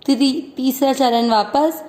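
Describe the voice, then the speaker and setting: A woman teaching Sanskrit pronunciation step by step, patiently explaining each syllable and chanting the verse lines slowly and drawn out. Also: sits high, darkish tone. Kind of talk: step-by-step recitation lesson. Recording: roomy echo.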